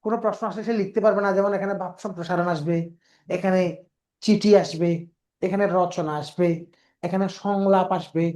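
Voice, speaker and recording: A woman's voice: fairly low pitch, fairly even intonation, a little fast, dark tone. A woman teaching an exam prep class in a patient lecture style, repeating key words and asking questions that she answers herself.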